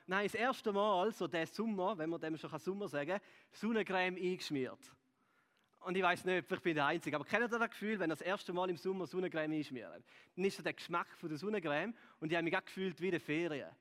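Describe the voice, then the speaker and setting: A man with a Swiss German accent preaching a sermon to a live audience. He swings between loud, lively asides and soft, hushed repeated phrases, building a repetitive rhetorical cadence. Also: a little high. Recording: long hall reverb.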